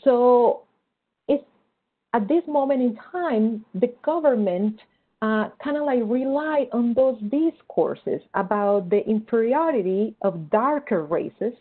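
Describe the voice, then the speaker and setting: A woman's voice: on the high side, animated, slow pace. Woman, tinny video call. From Colombia. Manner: earnest, explanatory, many fillers like "kinda like" and "right?". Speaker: guest historian. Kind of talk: academic seminar talk and Q&A.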